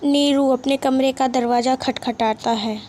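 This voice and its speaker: A woman narrating a cartoon family story in a plain, steady storytelling manner. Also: sits high, measured pace.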